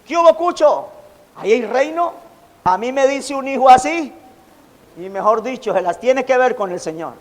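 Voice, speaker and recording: A man preaching a sermon as pastor, animated, acting out quoted taunts. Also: very high voice, moderate pace. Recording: long hall reverb.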